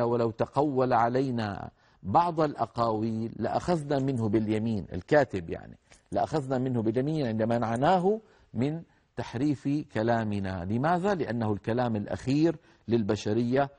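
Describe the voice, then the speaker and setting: A man teaching tajweed, explaining rules to students and chanting verses slowly to demonstrate correct pronunciation. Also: medium pitch, a little mellow, breathy edge. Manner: addresses students directly, correcting common mistakes. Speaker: Quran recitation teacher. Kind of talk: tajweed lesson with recited examples.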